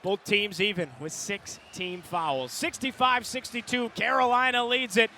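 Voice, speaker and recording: At a measured pace and in a high voice, an American man calls basketball live for radio, courtside in a large indoor arena. He speaks in clipped, energetic phrases and builds to excited calls on big plays, with loud court noise and a bouncing ball audible behind.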